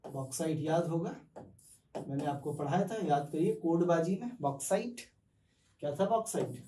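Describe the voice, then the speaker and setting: A man's voice: fairly high pitch, normal speed, warm tone, recorded from a distance, slight background noise. A man teaching chemistry, explaining step by step, asking questions and answering them himself, with English terms mixed into his speech. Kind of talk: classroom lecture. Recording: echoey room, voice off-mic.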